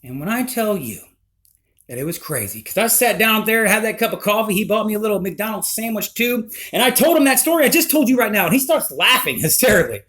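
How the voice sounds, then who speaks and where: A man recounting a personal life story in a rambling, emotional, animated way. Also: high voice, fast.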